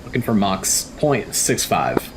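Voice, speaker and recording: A man's voice: on the low side, big pitch swings, a little slow. A man leading a flight in a combat flight sim, making pilot radio calls during gameplay. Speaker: flight lead in a flight sim game. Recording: clear background noise with clicks.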